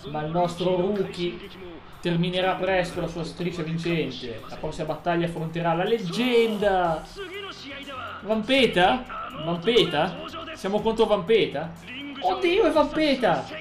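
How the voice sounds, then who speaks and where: A man's voice: high voice, expressive, a little slow, echoey room, music in the background. Jokey man streaming a game. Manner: jokey, playful, talks to chat and friends. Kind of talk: live gameplay stream chat.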